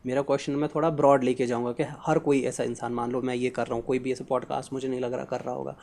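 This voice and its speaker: A man's voice: medium pitch, flat delivery, quick pace, vocal fry, darkish tone, a little hiss or hum. Conversational man hosting a podcast. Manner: conversational, mixes in English phrases, long wandering questions. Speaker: podcast host. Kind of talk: interview questions.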